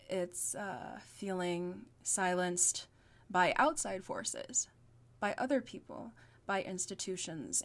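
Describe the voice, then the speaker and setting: Talking off the cuff in a vlog for her channel, this young YouTuber has a lowish, slightly bright voice. Her speech wanders and stalls, full of fillers, and she frequently laughs at what she says.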